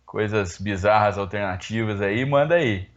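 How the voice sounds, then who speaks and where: A man's voice: fairly low pitch, moderate pace, dull audio. A man co-hosting a casual sports live stream, joking and exclamatory. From Brazil. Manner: joking, exclamatory, laughs often. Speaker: co-host of a sports show.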